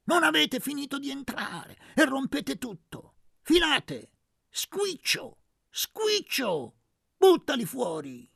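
A woman's voice: fairly low pitch, expressive, moderate pace, vocal fry, slightly rough, dry recording, studio quality, voice pushed up, heavily acted. A man voicing a coarse older woman who runs a brothel, brusque and scolding in an audiobook reading. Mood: shrieking. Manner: brusque, scolding, sharp-tongued.

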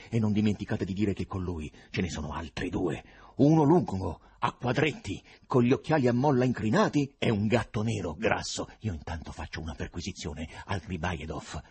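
A man voicing a frantic young male poet who shouts and raves, with a husky voice. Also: low-pitched, heavily acted. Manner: shouting, agitated.

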